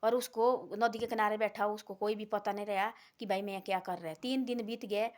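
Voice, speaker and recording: A woman's voice: mid-range voice, steady tone, moderate pace. Rambling Hindi-speaking woman storyteller. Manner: rambling, repeats phrases, many restarts. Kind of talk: casual devotional storytelling.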